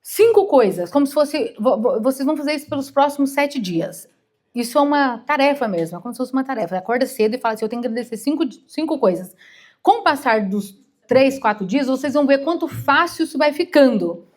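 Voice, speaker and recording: This woman's voice is high, with lively intonation and a fairly quick pace. In her fifties and from Minas Gerais, she speaks with a Mineiro Brazilian Portuguese accent, a therapist preaching informally to a congregation. Her manner is chatty and emotional, with little stories where she acts out what people said.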